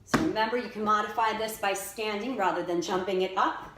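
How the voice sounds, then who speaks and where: In an echoey room with faint background noise, a female fitness instructor standing by a staircase gives step-by-step exercise directions. Her mid-range voice moves at a fairly quick clip.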